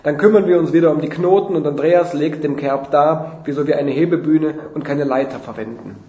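A man's voice: fairly high pitch, brisk, mellow. A man reading a funny first-person story aloud in a dry, mock-dramatic way. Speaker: reader of a humorous story. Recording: roomy, dull lo-fi sound.

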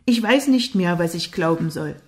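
A woman voicing an angry, jealous young man who speaks loudly and with hostile taunts, in an audiobook. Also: fairly low pitch, animated, normal speed, natural voice. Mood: taunting.

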